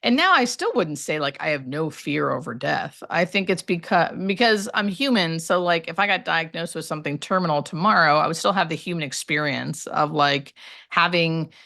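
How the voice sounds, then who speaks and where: A woman's voice: low voice, animated, moderate pace, vocal fry, sharp tone. A woman talking casually and candidly as a hospice nurse being interviewed, telling personal stories in a rambling way with emphatic asides.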